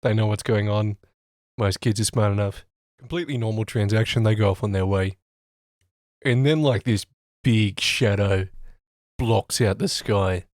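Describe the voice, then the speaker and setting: A young man casually telling an animated, self-mocking anecdote about his retail job. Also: on the low side, moderate pace, long pauses, no room sound, studio quality. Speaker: retail worker.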